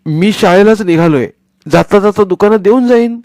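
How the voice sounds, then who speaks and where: A cheeky, mischievous little schoolboy, as a male storyteller puts him on. His voice sits raised and eager, quick and sly, in a dry, close audiobook recording. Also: high voice, darkish tone, no echo, pitched above the performer's own voice.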